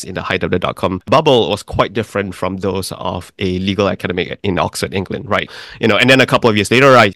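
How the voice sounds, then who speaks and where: A middle-aged man from Malaysia, a firm founder explaining his ideas in a deliberate, measured interview. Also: sits low, a bit bright, dry recording, studio quality. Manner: deliberate, explanatory, lists points in sequence. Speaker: investment firm founder, guest.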